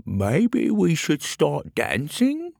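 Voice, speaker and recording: A small, jittery platypus from a storybook, speaking up in a high, hesitant voice, as a man puts him on. The voice is slightly husky and recorded dry and close. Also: wildly swooping pitch, very slow, darkish tone, no echo, full character voice. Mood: nervous. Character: timid small male platypus sidekick.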